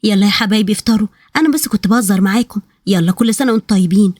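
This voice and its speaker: A woman's voice: medium pitch, very fast, a little mellow, dry recording, studio quality, close to an everyday voice. A woman voicing a loving but bossy older grandmother with an Egyptian accent, teasing and commanding her family.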